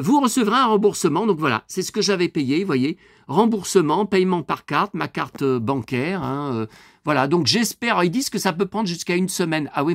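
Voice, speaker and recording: A middle-aged man talking to camera in a loose, rambling vlog, blunt and quick to swear, with lots of fillers and restarts. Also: fairly high pitch, no echo, studio quality. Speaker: vlogger. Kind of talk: casual rambling vlog monologue.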